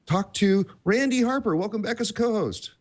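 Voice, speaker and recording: A man's voice: high voice, animated, moderate pace. A man hosting a tech podcast in casual chat, rambling and self-deprecating, with many restarts. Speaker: podcast host.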